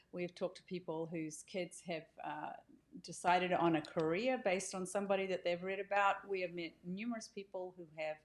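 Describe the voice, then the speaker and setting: A woman with a fairly low-pitched voice gives an informal welcome talk as an author and co-host. She speaks conversationally but haltingly, correcting herself as she goes.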